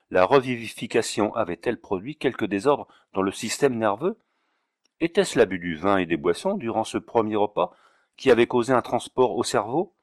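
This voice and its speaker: A man with a low voice narrates a classic novel in measured, expressive sentences. The recording is close-miked and completely dry, with no room sound. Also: no echo. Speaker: audiobook narrator.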